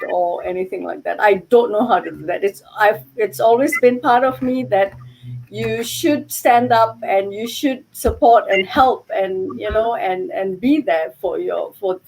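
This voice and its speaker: A woman's voice: on the high side, gravelly, a little mellow, rough recording. A middle-aged woman from Malaysia, a guest on a video-call interview, talking earnestly with many asides, heard through a headset mic. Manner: earnest, many "you know" and "okay" asides. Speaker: guest, yarn dyer. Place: home room with yarn shelves.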